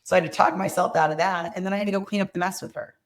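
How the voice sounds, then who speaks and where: A woman's voice: lowish voice, steady tone, racing. A woman guest on a podcast interview, speaking earnestly and reflectively about leadership and family, telling candid stories. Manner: reflective, earnest, quotes herself and family with vivid emphasis. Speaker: guest, company executive.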